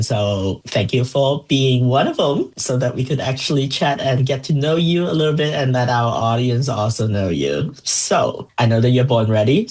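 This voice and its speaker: A woman's voice: very deep voice, darkish tone. A woman hosting a podcast interview, asking welcoming questions in an easygoing way with a few fillers. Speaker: podcast host. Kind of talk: conversational interview.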